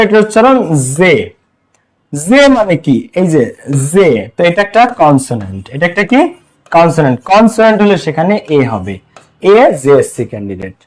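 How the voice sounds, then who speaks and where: A young man with a fairly high voice teaches a live online class. He keeps asking his students short questions and answering them himself, repeating key words over and over. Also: darkish tone, poor audio. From Bangladesh. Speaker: English teacher.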